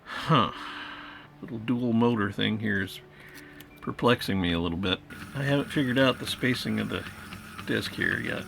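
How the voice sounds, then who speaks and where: A hobbyist who repairs vintage tape recorders chats casually and thinks out loud as he tinkers, muttering to himself and to the machine. His lowish voice has vocal fry, runs at a normal speed with long pauses, and has background noise behind it.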